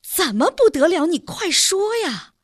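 A woman's voice: very high voice, sing-song, a little slow, dry recording, clean studio sound, pitched above the performer's own voice, heavily acted. A woman voicing an elderly grandmother who presses urgently with questions. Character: anxious, insistent old grandmother.

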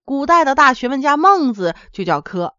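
A woman's voice: high-pitched, moderate pace, no echo. Woman storyteller from Henan, chatty, sing-song delivery; dull, dry lo-fi sound. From Henan, China. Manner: lively, chatty, addresses listeners directly. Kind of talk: folksy comic storytelling.

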